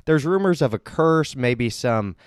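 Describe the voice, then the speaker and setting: A man's voice: mid-range voice, expressive, a little slow, dry recording, studio quality. A man hosting a casual sports podcast, building hype with upbeat banter as he interviews league members. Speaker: podcast host and league commissioner.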